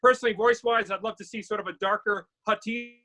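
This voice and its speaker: A man's voice: high voice, fairly even intonation, quick pace, pushed and bright, rough recording. A man, an actor being interviewed, speaking in an eager, upbeat way in casual chat.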